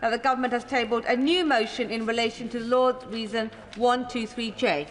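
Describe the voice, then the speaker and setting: A British woman with a formal, authoritative manner, presiding over parliament and announcing procedure in measured phrases. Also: a little high, fairly even intonation. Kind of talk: formal parliamentary procedure, calling votes and business. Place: large parliamentary debating chamber. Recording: echoey chamber, long reverb, background noise.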